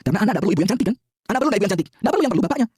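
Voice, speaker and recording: A man preaching a lively, joking sermon, quizzing the audience and having them call back answers. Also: high voice, very fast, husky, dry recording, clean studio sound.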